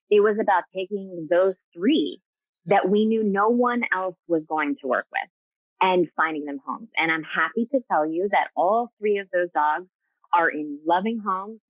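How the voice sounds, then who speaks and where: A woman's voice: on the low side, no echo. A woman guest on a video call, talking earnestly with many fillers and restarts. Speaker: guest, rescue co-founder. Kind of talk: casual video-call interview. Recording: tinny phone-like call audio.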